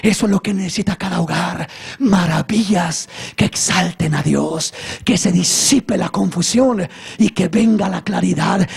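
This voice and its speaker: A man preaching an impassioned sermon as pastor, with a raspy voice, repeating phrases and shouting at the peaks. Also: very high voice. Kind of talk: Pentecostal sermon. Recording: archival church sermon recording.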